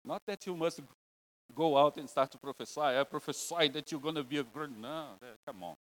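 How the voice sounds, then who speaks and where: This informal church sermon comes from a male Brazilian preacher whose English is broken and halting, colored by a Brazilian Portuguese accent. He keeps things light by joking at his own expense. His voice is on the high side, and the audio quality is poor.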